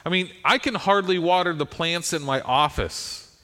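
A man's voice: on the high side, moderate pace, bright, forceful tone. An American man giving a conversational sermon in a folksy, self-deprecating manner, often checking in with his listeners. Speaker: preacher.

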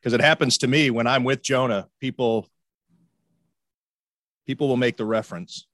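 A man's voice: medium pitch, steady tone, normal speed, fairly bright tone, no echo, clean studio sound. A man hosting a sports show, asking questions in a casual, chatty way. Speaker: interviewer, sports show host.

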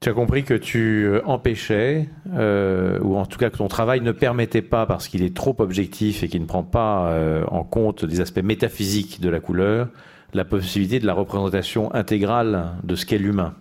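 A man's voice: lowish voice, moderate pace, a little mellow. A man moderating a public discussion informally, with hesitant, conversational phrasing.

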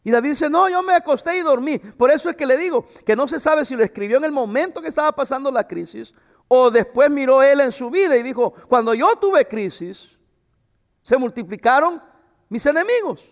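A man preaching a sermon as pastor, expressive, with personal asides to the congregation. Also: very high-pitched, moderate pace. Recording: reverberant hall.

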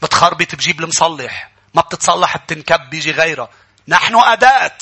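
Preaching fast to his church congregation, this Lebanese-accented pastor is emphatic and rousing, often calling out to the people before him. His voice is a little high, husky and sharp, with a steady tone.

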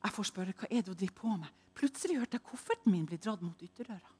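A woman preaching a sermon, telling a personal story dramatically and moving between hushed and loud delivery. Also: medium pitch, expressive, breathy edge.

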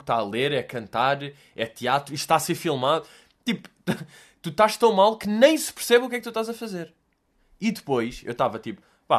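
A young man with a European Portuguese accent from Lisbon talks through a comic rant on his own show. His voice sits a bit high and leaps up and down as he acts out scenes. The talk is slangy, sweary and loose. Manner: animated, slangy, sweary storytelling with acted-out bits. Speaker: podcast host. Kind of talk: casual comedic monologue.

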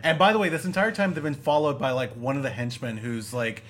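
A man's voice: medium pitch, quick pace, fairly bright tone. A man co-hosting a casual movie-review chat, talking sarcastically and trailing off into mumbled asides. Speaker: podcast co-host.

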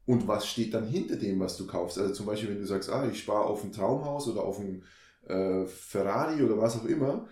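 A man's voice: lowish voice, brisk, darkish tone. A man in a casual conversation, reflective, explaining his ideas through everyday examples and questions he asks himself. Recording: roomy echo.

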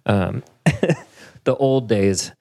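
A man hosts a relaxed podcast conversation, chatty and quick to laugh. His voice sits a little low. The sound is dry and close. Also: vocal fry, no echo. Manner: laughs often, chatty and jokey. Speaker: podcast host. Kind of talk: casual chat.

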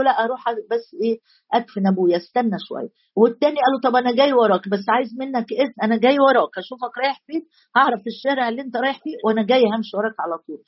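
A woman's voice: mid-range voice, breathy edge. A woman with an Egyptian accent preaching a conversational sermon, acting out the voices of the people she quotes. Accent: Egyptian Arabic. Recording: dull lo-fi recording.

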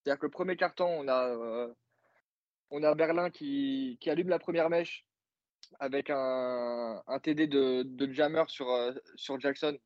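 Co-host masculin bavard, hésitant, quelques euh, son un peu terne et sec. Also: male voice, mid-range voice, a little slow, no echo, dull audio. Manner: chatty, hesitant with many fillers, joking asides. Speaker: podcast co-host, football analyst. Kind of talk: casual play-by-play recap.

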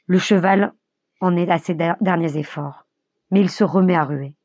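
A woman narrating a novel aloud as an audiobook, with vivid, expressive storytelling and a husky voice. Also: on the low side, moderate pace, dry recording.

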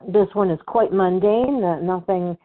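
A woman's voice: lowish voice, a little slow. A woman author talking casually about her writing, chatty and rambling, then reading her own story aloud. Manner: chatty, rambling, with fillers and restarts. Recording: tinny phone-like sound.

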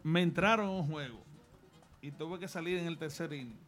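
A man's voice: on the high side, normal speed, fairly bright tone, faint music behind. A man from the Dominican Republic with a Dominican accent, telling his life story earnestly as a radio studio guest and offering advice. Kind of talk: personal storytelling in a radio interview.

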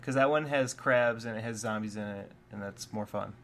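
A young man with a bright, tense edge to his voice chats casually on a gaming podcast. He is laid-back and jokey, with plenty of ums and uhs, and he sounds a little under the weather. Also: fairly low pitch, normal speed, a little hiss or hum. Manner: laid-back, joking, filler-heavy. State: sick. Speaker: podcast co-host. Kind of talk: casual chat.

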